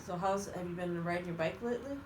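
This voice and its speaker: A woman's voice: on the low side, fast, echoey room, recorded from a distance, background noise. A woman visiting an elderly relative, asking cheerful questions and laughing along. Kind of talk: casual family chat.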